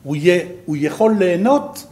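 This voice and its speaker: A man with a French accent gives an informal slide presentation as a programme director, haltingly searching for his words. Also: high voice, animated, mellow.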